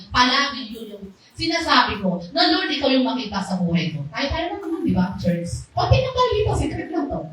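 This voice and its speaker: Loud animated woman in an echoey hall. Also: high voice. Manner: loud, lively, animated storytelling. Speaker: church speaker sharing a testimony. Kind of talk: casual church testimony. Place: small church hall. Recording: very echoey hall, voice far off, faint background noise.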